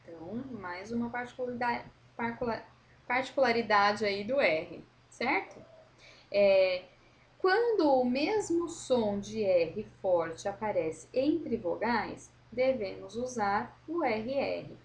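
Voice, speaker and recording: A woman teacher correcting a worksheet for young pupils, slowly modelling words and explaining patiently. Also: mid-range voice, very animated. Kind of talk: correcting a school worksheet for children.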